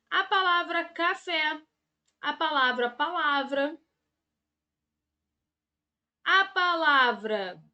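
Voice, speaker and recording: A woman's voice: extremely high pitch, sharp tone. A woman from Brazil teaching Portuguese grammar in an exam-prep video lesson, upbeat and chatty, stretching out key words for emphasis.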